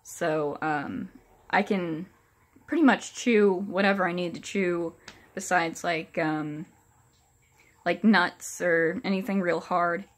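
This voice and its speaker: A young woman with a slightly low voice talks casually to her camera in a small room. She has no upper teeth in, so her words come out with soft, gummy articulation. Her delivery is hesitant and halting, with plenty of pauses. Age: young adult. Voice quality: soft toothless articulation, without upper dentures. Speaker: vlogger. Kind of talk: casual personal update to camera. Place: small furnished room indoors. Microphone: phone or camera at arm's length.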